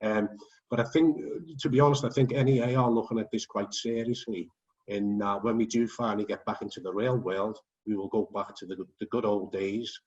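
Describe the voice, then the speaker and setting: A man with a low voice chairs an online forum over a video call. He talks in a loose, chatty way, full of ums and small jokes. He sits back from the mic, and the sound comes through muffled and dull. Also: fairly even intonation, a little fast, darkish tone, recorded from a distance. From England. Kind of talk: online meeting chat.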